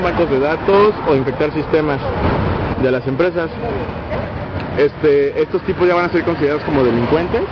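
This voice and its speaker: A man with a Mexican accent co-hosting a casual podcast, talking through news with plenty of "este" and "pues" fillers, recorded outdoors in a park. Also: a little high. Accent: Mexican Spanish. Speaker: podcast co-host reading news. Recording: dull lo-fi sound with loud traffic noise outdoors.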